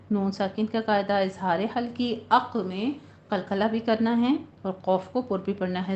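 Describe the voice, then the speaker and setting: A woman teaching tajweed, reciting verses slowly and then explaining each recitation rule in brisk speech. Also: medium pitch, darkish tone. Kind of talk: tajweed lesson with slow recitation. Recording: dull lo-fi recording with faint noise.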